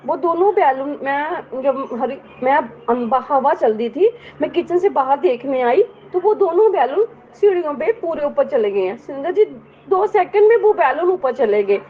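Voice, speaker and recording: A woman's voice: high voice, animated, normal speed. A middle-aged woman giving an earnest personal testimony to a congregation, often addressing her listeners directly. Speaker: devotee sharing a testimony. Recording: tinny phone-like audio, faint hiss.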